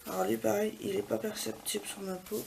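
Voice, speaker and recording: A woman vlogger talks viewers through eyeshadow swatches in a casual, gentle way, her voice often sinking to a near whisper. Her tone carries a gravelly, creaky edge. She records in her apartment with a faint hiss of noise behind her. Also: medium pitch, flat delivery, brisk, poor audio. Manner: soft-spoken, often dropping to a near whisper. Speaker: beauty vlogger. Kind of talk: casual product swatch walkthrough. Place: home apartment.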